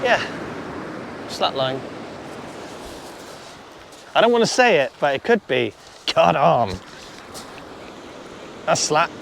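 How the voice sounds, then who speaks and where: A man's voice: fairly high pitch, sing-song, takes it slowly, vocal fry, long pauses. A man talking casually to camera while shore fishing, muttering to himself and swearing now and then. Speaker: shore angler vlogger. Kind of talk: casual outdoor fishing vlog. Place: shingle beach by the sea, outdoors. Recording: surf noise behind.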